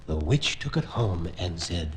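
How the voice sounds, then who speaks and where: A man narrating a fairy tale on a vintage children's record in an expressive storytelling voice. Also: sits low, a little slow, crowd noise, low-quality recording.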